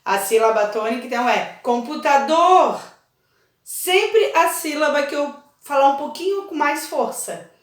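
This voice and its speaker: A woman's voice: high-pitched, expressive, moderate pace. A woman teacher, patiently explaining a lesson step by step and checking that her students follow. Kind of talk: recorded online class lesson. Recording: very echoey room, voice from far off.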